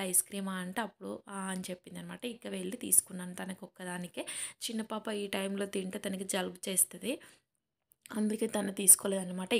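A woman's voice: mid-range voice, vocal fry. A young woman and mother narrating a family shopping vlog in a chatty voice-over, often addressing viewers as friends. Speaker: vlogger and mother.

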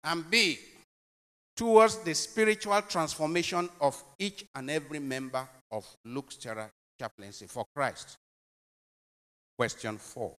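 A male priest with a fairly high pitch and a sharp tone reads the Gospel, then raises homily questions at a measured, reverent pace. His phrasing swells and ebbs amid cathedral-like echo that hangs in the air.

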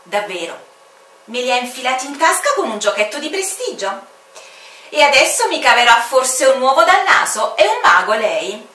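A woman's voice: on the high side, big pitch swings, measured pace, pushed and bright, echoey room, distant mic, voice pushed up, heavily acted. A woman voicing a stubborn, officious male airport commander who speaks in an indignant, bossy way. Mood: mocking.

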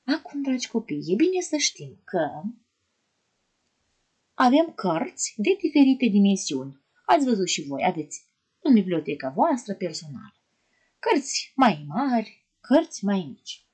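Husky-voiced woman teaching young children. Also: medium pitch, very animated. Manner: gentle, sing-song teacher talk to children, asking questions. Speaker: primary school teacher. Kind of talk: online lesson for young children.

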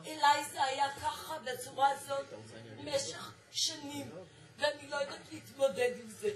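A woman's voice: high-pitched, fairly even intonation. A middle-aged woman, a nurse and mother, testifying at a public hearing with a pleading, emotional appeal. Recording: echoey room from far off with crowd.

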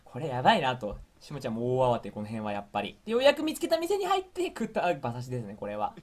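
A man hosting a casual stream, telling viewers about a trip in an animated storytelling way. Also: mid-range voice, quick pace. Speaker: streamer host. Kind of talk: casual stream chat looking back on a trip.

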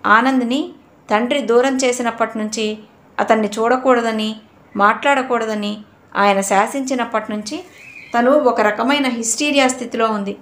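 A woman narrating a novel in a steady, measured storytelling manner. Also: fairly high pitch. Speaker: audiobook narrator. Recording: roomy echo.

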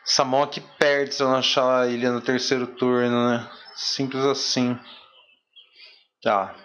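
A young man from Brazil giving casual, slangy commentary while he plays a card game, muttering to himself with sudden excitable bursts. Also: medium pitch, normal speed. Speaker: streamer playing a card game.

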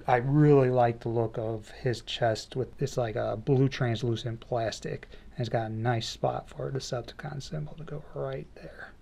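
A mellow, warm-toned man chats casually through a toy review, joking as he goes. He sounds relaxed and easy, describing each joint and piece while he handles the figure at a small studio table. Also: mid-range voice, gravelly.

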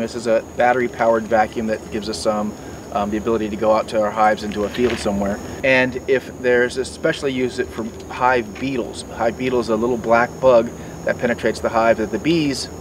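A middle-aged man in a garden, explaining beekeeping tools step by step with many fillers and restarts. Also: medium pitch. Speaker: beekeeping mentor. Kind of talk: outdoor demonstration. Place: outdoors by garden foliage. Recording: distant mic, outdoor noise.

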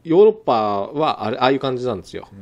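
A man's voice: medium pitch, big pitch swings, rapid-fire, a little mellow, lo-fi sound. A male podcast host in casual chat, chatty, easygoing and joking.

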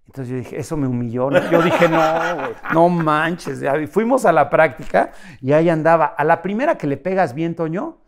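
Animated Mexican man telling stories. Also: fairly high pitch, fairly quick, few pauses. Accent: Mexican Spanish. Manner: animated, acts out dialogue with shifts in voice. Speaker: guest. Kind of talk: casual storytelling interview.

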